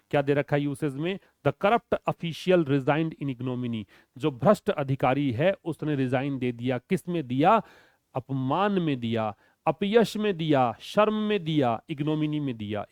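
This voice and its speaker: A man's voice: a little high, darkish tone, no echo, clean studio sound. A male teacher giving an exam vocabulary lesson, asking questions and answering them himself in a drilling way.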